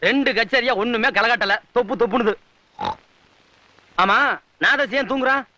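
A man's voice: very high-pitched, moderate pace, no room sound, highs cut off, full character voice. An actor playing a cheeky young musician who banters with his partner and turns fierce in defending his family. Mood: bantering. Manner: cheeky banter, then furious shouting. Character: cheeky younger male musician, hot-tempered brother. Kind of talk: 1980s-90s Tamil film dialogue.

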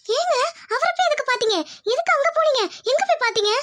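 A woman's voice: very high voice, expressive, fast talker, fairly bright tone, voice pushed up. A woman voicing a young village bride in a cartoon, tender, pleading and emotional. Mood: worried. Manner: pleading, emotional, calls her fiancé uncle-sweetly. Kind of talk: cartoon voice acting.

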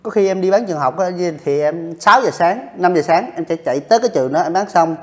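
Earnest man telling his day, higher voice. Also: animated, fast talker, a bit bright. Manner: earnest, repeats himself while recounting. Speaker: interviewee, street vendor. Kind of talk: casual interview talk.

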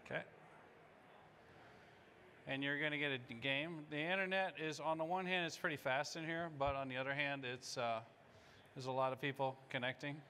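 Speaking at a moderate pace and pausing often, a man in his fifties uses a fairly high, bright, forceful voice with fairly even intonation. He's on stage in a large indoor conference hall, pitching a product in an informal live demo with short phrases aimed at the audience, and there's slight background noise.

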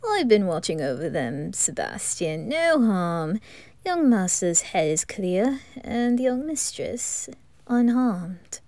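An eccentric, creepy male undertaker, as a woman puts him on for a fan audio drama. He talks slowly and playfully, breaking into high cackles, with a mellow, dark-toned voice. The sound is close and dry. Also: sing-song, no room sound. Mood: calm. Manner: giggly, playful, cackling laughs. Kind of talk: fan ASMR roleplay.

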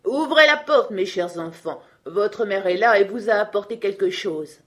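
A woman's voice: medium pitch, moderate pace, very noisy, natural voice. A woman doing a sly storybook wolf. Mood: coaxing. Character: big bad male wolf, sly and menacing.

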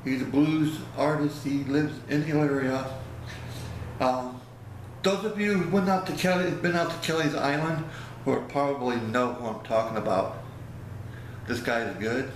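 This slow-talking, gray-bearded vlogger has a mid-range voice with fairly even intonation as he gives a casual product review. Rambling and folksy, he loses his words while speaking into a close webcam in a small room by a plain wall. The recording is very echoey with faint hiss.

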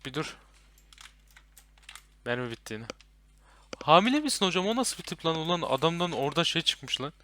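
A young man playing a horror game with a friend, commenting and swearing loudly at the enemies. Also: a little high, sing-song, fairly quick, pauses often, a little hiss or hum. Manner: loud, swearing, yelling at enemies. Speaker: gaming YouTuber.

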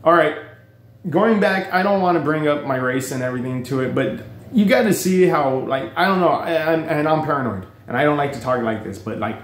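A man's voice: on the high side, animated, a little fast, reverberant. A man vlogging casual, rambling commentary on books and the news, full of fillers, restarts and swearing. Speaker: book reviewer vlogger.

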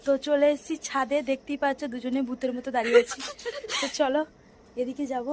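A woman's voice: high-pitched, level tone, quick pace, crowd noise. A woman family vlogger chatting straight to her viewers as she films at home on a phone camera. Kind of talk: casual vlog narration to viewers. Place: home and rooftop at night. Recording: roomy echo.

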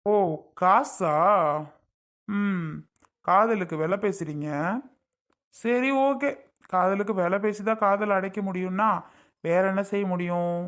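A man's voice: sits high, moderate pace, close to an everyday voice. A man voicing a jealous young ex-husband in a Tamil cartoon drama, insistent and self-justifying as he tries to win back his wife. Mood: bitter.

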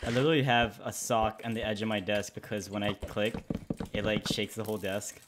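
A man's voice: lowish voice, flat delivery, brisk, music in the background. A man chatting casually while playing a video game, laughing often and bantering with a friend. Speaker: gaming YouTuber. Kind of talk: casual gaming chat. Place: desk at home.

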